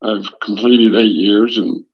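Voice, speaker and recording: A middle-aged man, a state legislator, talking as a guest on a lo-fi phone call with a poor connection, halting and repeating words. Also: lowish voice, steady tone, breathy edge. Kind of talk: casual interview over a phone call. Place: walking through a busy legislative building. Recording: muffled lo-fi phone line.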